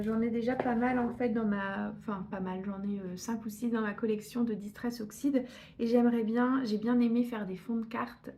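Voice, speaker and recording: A woman's voice: fairly high pitch, a little mellow, slight background noise. A woman from northern France chatting through a scrapbooking haul, hesitant with many fillers and restarts. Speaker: scrapbooking YouTuber. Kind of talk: casual haul video.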